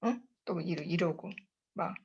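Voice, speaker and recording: A woman's voice: lowish voice, a little slow, a little mellow, slightly rough, lo-fi sound. A woman giving a motivational talk at a sales team meeting, telling her own story in a chatty way, laughing often and addressing her listeners as bosses. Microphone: online video call.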